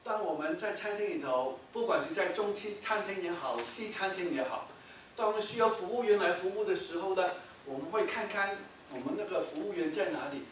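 Male pastor with a high voice, storytelling sermon; booming reverb, mic distant. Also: expressive, fairly quick, a little hiss or hum. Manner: storytelling, rhetorical questions, loud when quoting shouts. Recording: echoey hall, mic from far off.

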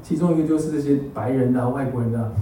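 Male preacher, quick and slightly high, warm dark tone, mixes in English, echoey church hall mic. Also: distant mic, slight background noise. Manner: drops English words into his Mandarin; animated storyteller who keeps asking the congregation for agreement. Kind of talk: sermon with personal testimony.

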